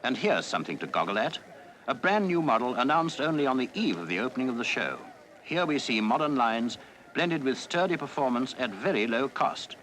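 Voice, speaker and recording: A man's voice: medium pitch, very animated, brisk, a bit bright, a little hiss or hum, low-quality recording. Guy doing old newsreel commentary, chatty and jaunty, voice bouncing up and down a lot. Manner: jaunty, chatty tour-guide delivery. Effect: old newsreel voice-over.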